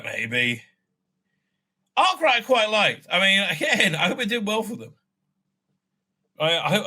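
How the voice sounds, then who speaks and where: Here the same kind of reviewer of audio drama releases speaks with a high, sharp-toned voice. His unscripted online commentary is casual, full of swearing, sarcasm and exasperation.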